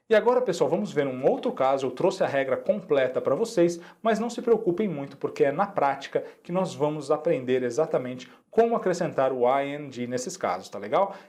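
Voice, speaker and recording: A man's voice: on the high side, darkish tone. Patient Brazilian Portuguese male teacher. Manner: patient, repeats each example slowly. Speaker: English teacher. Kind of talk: recorded online lesson.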